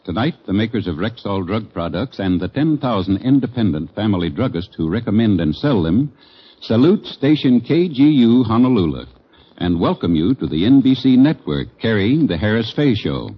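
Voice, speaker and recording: A man's voice: on the low side, very animated, normal speed, breathy edge, dull audio. A man reading a formal, courteous network greeting in 1940s radio announcing style, heard as an old radio show broadcast.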